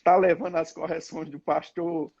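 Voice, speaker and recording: A man's voice: a little high, level tone, moderate pace, darkish tone, husky, lo-fi sound. A man, a church apostle, reminiscing in a rambling way and often asking "né?" on a live stream. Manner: rambling, reminiscing, lots of tag questions. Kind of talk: casual conversation on a live stream.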